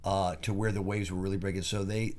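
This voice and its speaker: Older male co-host, low register, easygoing rambling storyteller, casual at-home talk. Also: flat delivery, fast, darkish tone, slight background noise. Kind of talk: casual chat. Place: in bed on vacation.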